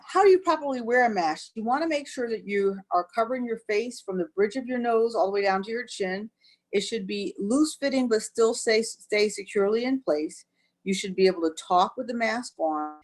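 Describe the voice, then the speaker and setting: A woman doctor giving an educational webinar talk, explaining step by step and often saying "actually". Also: medium pitch.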